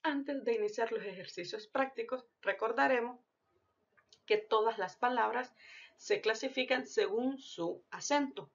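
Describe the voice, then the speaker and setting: Gravelly woman teacher, lo-fi recording. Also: a little high. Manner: deliberate, explanatory, reads out lists of example words. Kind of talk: scripted lesson narration. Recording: dull lo-fi recording.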